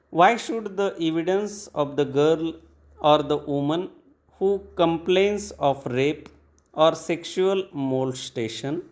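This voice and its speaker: A man dictating formal legal text for shorthand practice, reading in short measured phrases with pauses between them. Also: fairly high pitch, darkish tone.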